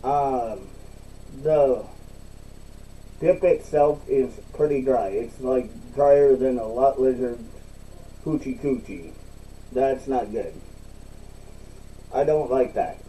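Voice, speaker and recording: Slow, dark-voiced man, slightly distant. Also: medium pitch, a little hiss or hum. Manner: halting, repeats himself. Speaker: product reviewer. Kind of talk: casual, unscripted online review.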